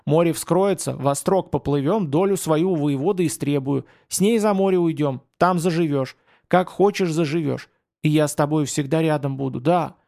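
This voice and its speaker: Man playing a devoted young native tracker, simple old-fashioned speech, lifted pitch, gravelly. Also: moderate pace, warm tone. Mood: hopeful.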